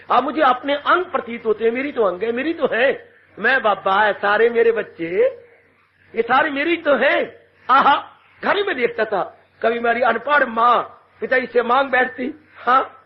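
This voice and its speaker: A man from India, a swami preaching a devotional sermon, telling stories with dramatic emotion, breaking into shouts and sung verses. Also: very high-pitched. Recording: dull lo-fi 1980s tape recording.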